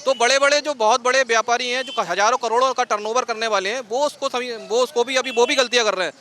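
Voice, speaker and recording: A man's voice: very high voice, quick pace, pushed and bright. A man being interviewed on a city street, speaking earnestly and rambling with many fillers.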